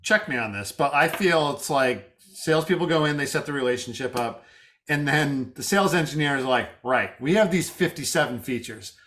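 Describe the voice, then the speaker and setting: This podcast host has a slightly high, sharp-toned voice. He keeps a casual conversation going with enthusiasm, affirming what he hears and tossing in quick asides.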